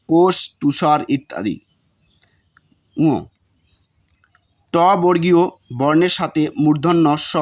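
A man teaching, reading out exam notes and repeating example words to show their pronunciation. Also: a little high.

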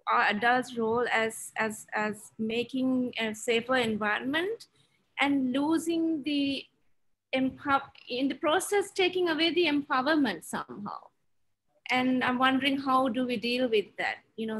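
A woman's voice: fairly high pitch, a bit bright, low-quality recording. Sri lankan woman asking a question on a shaky video call, takes her time. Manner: thoughtful, searching for words. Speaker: audience member asking a question. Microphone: video call on a bad connection.

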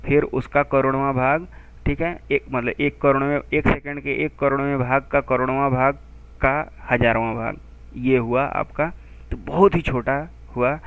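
A man teaching a physics textbook chapter in chatty Hindi, reading English lines slowly and working sums aloud with many pauses and restarts, on a tinny phone-like recording. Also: medium pitch, fairly even intonation, clean tone, no echo. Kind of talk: textbook explanation lesson.

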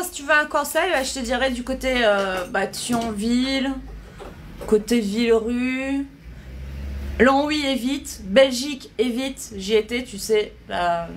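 Woman, 30s, casual live-stream host, slightly high voice, phone mic, light shop noise. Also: fairly bright tone. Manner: chatty, reads out viewer questions and answers them. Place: small shop with a big front window, indoors. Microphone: phone held at arm's length.

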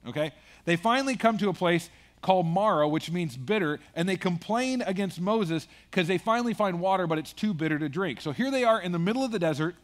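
A man's voice: sits high, expressive, brisk. A man pastor preaching a sermon in a conversational way, with joking asides.

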